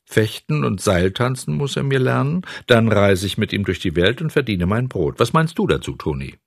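A man voicing a jolly, hot-tempered old male woodcarver in a storybook reading, excitable and easily indignant. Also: fairly low pitch, moderate pace, gravelly, no echo, studio quality, voice pushed up, exaggerated voice. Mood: cheerful.

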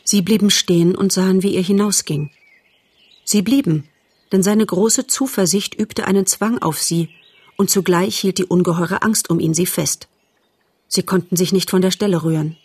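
Husky-voiced woman narrating a story. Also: lowish voice, normal speed, darkish tone, dry recording. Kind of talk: audiobook narration.

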